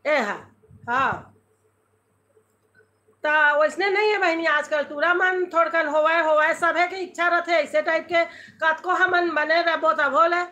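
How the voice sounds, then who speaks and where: Bright high-voiced Chhattisgarhi woman chatting. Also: a little slow. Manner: chatty, switching between Hindi and dialect, reading out comments. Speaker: live-stream host. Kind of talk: casual live-stream chat with viewers. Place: home.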